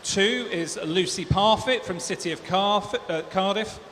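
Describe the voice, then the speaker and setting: A man's voice: sits high, unhurried, fairly bright tone. A man working as a swim meet announcer, reading out formal race announcements over a public address system. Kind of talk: formal race announcing, listing lanes, names and results. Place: large indoor swimming pool hall. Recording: echoey hall PA, clear background noise.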